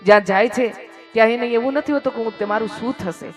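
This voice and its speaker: A man giving a devotional storytelling sermon, his speech swelling loud and then dropping almost to a whisper, and repeating phrases in rhythmic lists. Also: very high-pitched, fast, over music. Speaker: katha storyteller.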